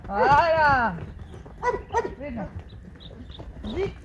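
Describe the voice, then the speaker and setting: A woman's voice: high voice, animated, very slow, lo-fi sound. A woman training horses outdoors, calling short repetitive commands in a coaxing way. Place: outdoor riding ground. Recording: loud outdoor noise, horses and dogs.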